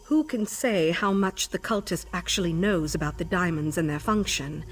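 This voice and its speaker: An actress voices a stern, scholarly female elven sage in video game dialogue, speaking formally and imperiously as she explains things. Her voice is husky and fairly low, at a normal speed.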